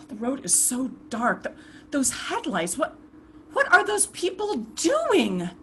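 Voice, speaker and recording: The restless, defiant ghost of a slain civil rights volunteer, played by a woman in a stage monologue. She speaks slowly and haltingly, sighing between broken phrases. A faint hiss sits under her voice on a video call mic. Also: high-pitched, huge pitch swings, bright, forceful tone, exaggerated voice. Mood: anxious. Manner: halting, reflective, with sighs and trailing restarts. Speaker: stage actor performing a monologue. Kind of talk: theatrical monologue. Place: indoors at home, performing over a video call. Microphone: video call computer mic.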